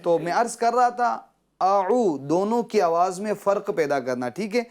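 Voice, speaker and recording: A man teaching children Quran pronunciation, patiently checking understanding and drawing out syllables slowly when he models them. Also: high-pitched, expressive, crowd noise. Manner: patient, repeats "theek hai?" to check understanding. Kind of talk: children's Quran recitation lesson.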